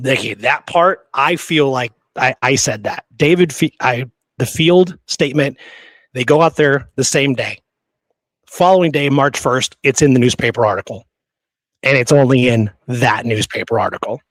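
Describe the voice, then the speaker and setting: A man co-hosts a podcast, holding a conversational discussion of history, sometimes reading quotes and repeating points for emphasis. His voice is medium-pitched and a bit bright, at a moderate pace, with no echo.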